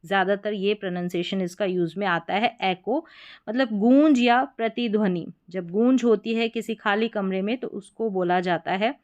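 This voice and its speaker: A woman's voice: medium pitch, normal speed, a little mellow. A woman teaching English reading, patiently spelling words out letter by letter and repeating each pronunciation. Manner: repeats words and checks in with short affirmations. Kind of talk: explaining spelling patterns step by step.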